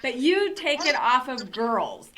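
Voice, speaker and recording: Give this a bubbly woman host with a high-leaning, very bright voice. She talks in a chatty, excitable way and laughs often. The tone is a casual chat about beauty products. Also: slow, slight background noise. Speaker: host and salon owner.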